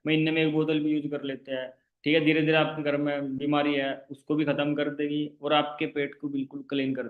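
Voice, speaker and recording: Emphatic man pitching in an echoey room. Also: phone-quality sound. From India. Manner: emphatic, rhetorical questions, keeps asking listeners if they follow. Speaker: online sales trainer. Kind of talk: persuasive sales pitch. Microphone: online class call.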